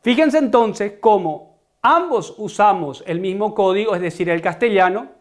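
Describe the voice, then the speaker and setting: In an online lesson, a man with a Paraguayan Spanish accent speaks in a fairly high, animated voice at a moderate pace. He explains each point step by step, emphasizes key terms and frequently addresses his students directly.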